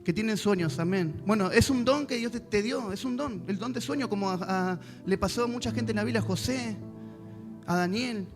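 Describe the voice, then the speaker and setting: Pastor guy preaching, super high voice, music playing behind him. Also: moderate pace. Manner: preaches to a congregation, acting out prayers and replies. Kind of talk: sermon. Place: church service.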